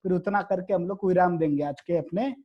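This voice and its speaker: A man's voice: high-pitched, fairly quick, muffled recording. A man telling a devotional story, explaining as he goes with repetitive asides to listeners.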